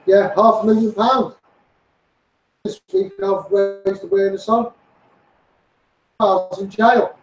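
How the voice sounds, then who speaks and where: Slow and high-pitched, this Liverpool man's Scouse voice stays fairly even, broken by long pauses, with faint music in the background. He's an online campaigner livestreaming a rambling, passionate rant, pressing his viewers and going over the same points again. The room echoes and the mic sits far from him.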